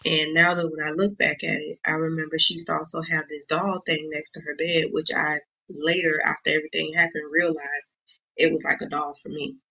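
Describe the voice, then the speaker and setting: A woman speaking as an interview guest, telling her story haltingly with many pauses and ums. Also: low-pitched, little pitch movement, creaky, pushed and bright, husky, dull audio. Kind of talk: casual interview talk.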